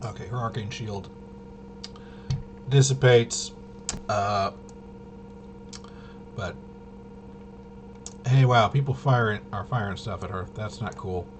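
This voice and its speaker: A man with a lowish voice runs a tabletop game demo, speaking slowly and pausing often. He mutters casual commentary to himself, puzzled and questioning his choices aloud, with a clearly noisy background behind him.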